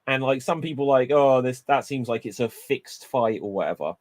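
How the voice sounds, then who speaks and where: A man with a mid-range voice chats in a lively, animated way, building up playful theories as he goes. The recording is dry and close-miked. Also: medium pitch, moderate pace, no room sound. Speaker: wrestling show co-host. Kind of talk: casual chat.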